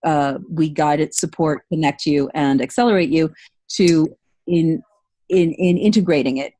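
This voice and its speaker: Deep-voiced and darkish in tone, a woman runs a relaxed online training session as a voice-over coach, covering the program and answering questions. She is encouraging and leans on emphatic repetition, and the recording has no echo.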